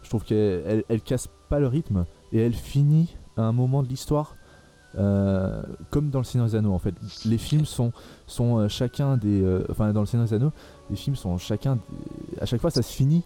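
A man's voice: mid-range voice, moderate pace, warm tone, soft background music. A young man hosting a casual film podcast, talking hesitantly with many fillers and restarts. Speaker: podcast host.

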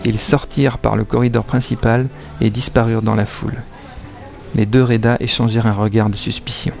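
A man's voice: on the low side, fairly quick, gravelly, soft background music. Man narrating an audio drama. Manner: steady storytelling.

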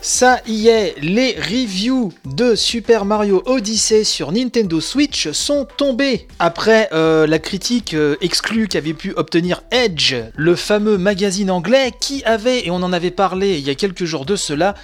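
A man's voice: high-pitched, animated, unhurried, few pauses, soft background music. A married man hosting a casual spoken video game press review, chatty and opinionated, with many asides and fillers. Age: adult, married. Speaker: video game news show host.

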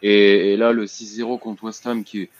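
A man's voice: fairly low pitch, flat delivery, moderate pace. A man co-hosting a casual football talk show, slangy and hesitant with frequent restarts. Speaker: football podcast co-host. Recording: dull lo-fi sound.

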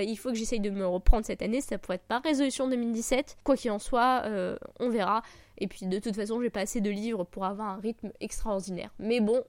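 A woman hosting an informal book podcast, sick, with a slightly broken, gravelly voice and a hesitant, self-deprecating way of talking. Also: on the high side, a little mellow, no room sound. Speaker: podcast host. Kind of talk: informal book review podcast, unscripted talk.

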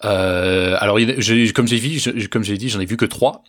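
A man with a fairly low voice talks casually on a podcast. He stops and restarts, searching for words as he goes. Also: moderate pace, fairly bright tone. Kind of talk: casual chat.

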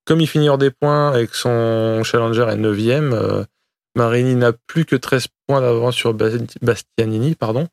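Man, creaky voice, casual motorsport commentator, slangy, joking, dry close sound. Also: medium pitch, fairly even intonation, normal speed, no room sound. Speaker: motorsport podcast host recapping a race.

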